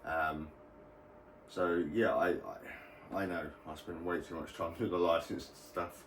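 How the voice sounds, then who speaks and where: A British man hosts a hobby video channel, giving a casual, rambling explainer in a low, steady voice at a slow pace. The recording sounds roomy, with a distant mic and faint background noise.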